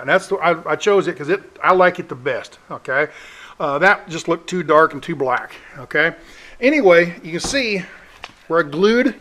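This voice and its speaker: A middle-aged man with a high-sitting, fairly bright voice hosts a do-it-yourself build vlog. He gives a casual, rambling show-and-tell with his hands on the work, folksy and quick to put himself down. The echoey room and faint noise come through his camera mic.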